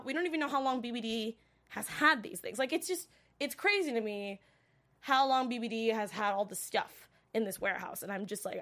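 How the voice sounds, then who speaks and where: A woman's voice: fairly high pitch, a bit bright. A woman getting over a cold, chatting casually and rambling with many fillers as she reacts to a show and reads viewer comments. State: recovering from a cold, coughing. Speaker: livestream show recap host.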